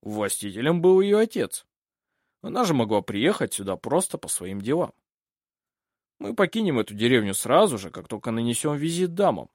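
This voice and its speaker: A self-assured older French baron from an audiobook, read by a man. His husky voice moves lively through its range, recorded dry and close. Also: mid-range voice, normal speed, no echo. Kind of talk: audiobook character reading.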